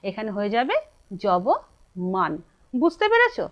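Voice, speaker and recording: A woman's voice: mid-range voice, huge pitch swings, normal speed. A woman with a Bengali accent teaching a grammar lesson, asking her students questions and answering them herself. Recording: dull lo-fi sound.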